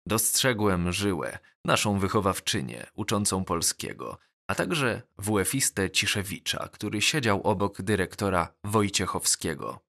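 A male audiobook narrator telling a novel in first person. He reads slowly and deliberately, his lowish voice carrying a bright, clear edge. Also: expressive. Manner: measured, deliberate reading.

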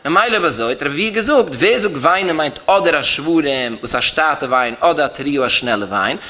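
Male rabbi, Yiddish accent, lecture chant with rising and falling lines, bright voice. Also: on the high side, expressive, brisk. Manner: rising and falling chant, stresses key terms, repeats phrases. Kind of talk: Talmudic lecture in a singsong study chant.

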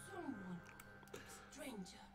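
A woman's voice: fairly high pitch, sing-song, takes it slowly. A woman voicing a mysterious, foreboding seance medium in a cartoon adventure game, with an ominous theatrical manner. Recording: echoey, distant, loud game music behind.

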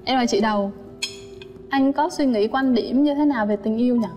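A woman's voice: on the high side, moderate pace, highs cut off. A woman on a dating show, polite and sweet, asking her date lots of questions. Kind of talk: casual chat on a first date. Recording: studio sound with reverb and loud music.

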